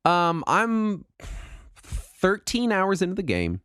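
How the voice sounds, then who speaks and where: A man hosting a podcast in casual, jokey, self-deprecating chat, his throat raspy from a cold. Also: sits high, huge pitch swings, takes it slowly, a bit bright, no room sound, studio quality. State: sick with a mild throat cold and cough. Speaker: podcast host.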